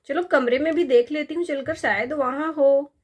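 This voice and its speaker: Worried young mom, voiced by a woman, anxious, pleading, high voice. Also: normal speed, close to an everyday voice. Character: worried young mother searching for her daughter. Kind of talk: doll story voice acting.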